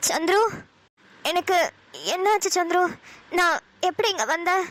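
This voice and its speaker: A woman voicing an outspoken young wife in a cartoon, with a Kongu Tamil accent and a quick, spirited delivery. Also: extremely high pitch, fairly even intonation, fairly bright tone. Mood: weak. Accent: Kongu Tamil (Namakkal). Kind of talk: cartoon voice acting.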